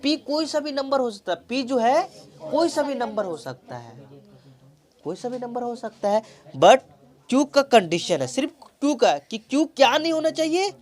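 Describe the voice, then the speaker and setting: A man's voice: very high voice, big pitch swings, moderate pace, a little mellow. Man tutoring with call-and-response questions. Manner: affectionate terms for pupils. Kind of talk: classroom math lesson.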